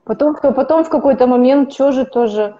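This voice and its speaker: Talking fast in a high-sitting voice with a dark tone, a twenties-aged woman guests on a podcast. The opera student rambles casually through the conversational interview with frequent restarts and self-corrections, recorded in dull lo-fi.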